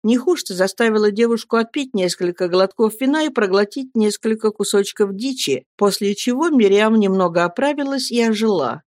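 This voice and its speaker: Female audiobook narrator: measured, expressive reading, mid-pitched, dry studio sound. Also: no room sound. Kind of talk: scripted narration.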